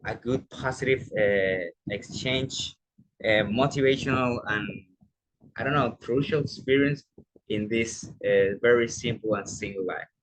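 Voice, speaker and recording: A man's voice: medium pitch, measured pace, slight background noise, poor audio. A young man speaking English, giving an earnest motivational talk full of restarts and fillers. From Panama.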